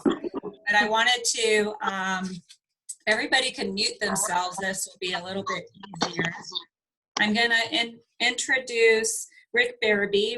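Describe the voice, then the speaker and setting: A woman hosting her team's meeting over a video call. She talks in a friendly, loose way and drifts into small asides. Her voice is bright and sharp, at a middle pitch. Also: slight background noise, rough recording. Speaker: team leader hosting the meeting.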